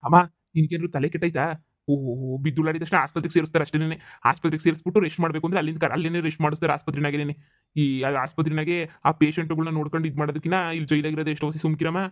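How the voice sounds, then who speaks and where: A man's voice: on the high side, level tone, racing, dry recording, natural voice. A man voicing a skeptical cartoon family man. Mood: exasperated. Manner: skeptical, argues back. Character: doubtful, exasperated young man in the family. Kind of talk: cartoon comedy voice acting. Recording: slightly dull lo-fi sound.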